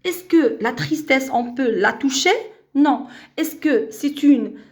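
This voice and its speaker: A woman teaching a grammar lesson, repeating and stressing each word slowly for her learners. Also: sits high. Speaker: French teacher.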